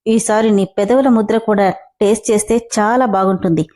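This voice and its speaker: A man's voice: sits high, fairly even intonation, moderate pace, darkish tone, lightly acted. A woman voicing a brash, arrogant young male company boss who talks in a commanding, taunting way, in a storybook reading.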